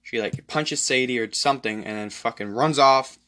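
Guy doing a solo podcast, bright sharp voice, rambles and swears a lot, keeps clearing his throat. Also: medium pitch, normal speed. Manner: rambling, profane, many fillers. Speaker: podcast host. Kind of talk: solo podcast movie recap.

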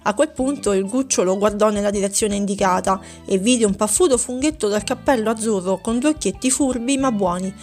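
A woman's voice: mid-range voice, a little fast, few pauses, a little mellow, soft background music. Woman reading a children's story.

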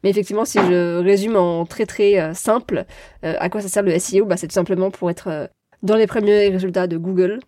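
A woman hosting a podcast interview, friendly and quick to laugh. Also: medium pitch, steady tone, dark tone. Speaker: podcast host.

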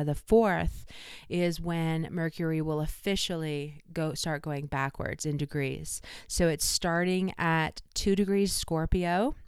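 An enthusiastic woman with a fairly low, smooth voice and a slight cold gives a casual astrology talk. She is chatty and informal, and the sound is dry and close, with very little room. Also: a little mellow, no echo. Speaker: astrologer giving a forecast.

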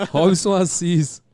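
Brazilian man bantering, slightly high voice. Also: darkish tone. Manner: slangy, jokey, protesting. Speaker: livestream co-host. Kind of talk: casual live-stream banter, reading chat comments.

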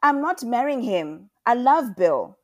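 A woman reading the part of a frightened but defiant teenage girl, loud and distressed. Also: medium pitch, lively intonation, moderate pace, no echo, clean studio sound.

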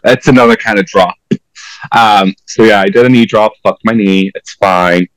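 A man from Portugal with a Portuguese accent, guesting on a podcast and chatting casually, animated and quick to jump into high exclamations. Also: no echo, low-quality recording. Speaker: podcast guest, drag performer. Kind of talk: casual chat.

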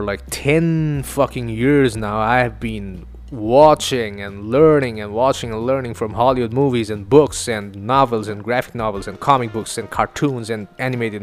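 A young man from Northeast India whose first language is Assamese hosts his own podcast on a home studio mic, delivering a chatty, loose solo monologue full of swearing and self-mocking asides. His voice is medium-pitched and a little slow, with hardly any pauses.

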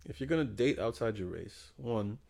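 A young man with a gravelly, creaky voice and a middling pitch, co-hosting a podcast. He talks in a blunt, profane, joking way and gives his opinions in loose casual chat. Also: lively intonation, normal speed, darkish tone. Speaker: podcast co-host.

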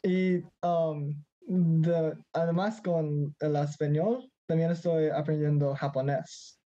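A teenage boy from Mexico, a native Spanish speaker, talks casually as a guest. His voice is fairly high, level, slow and mellow on a muffled recording. He hesitates and searches for words, switching into English now and then.

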